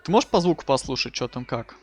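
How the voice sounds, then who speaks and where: A man's voice: medium pitch, lively intonation, fast talker, a little mellow. A man giving casual, slangy live commentary as he hosts a gaming stream. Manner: informal, colloquial, slangy. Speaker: live streamer hosting a wrestling game stream.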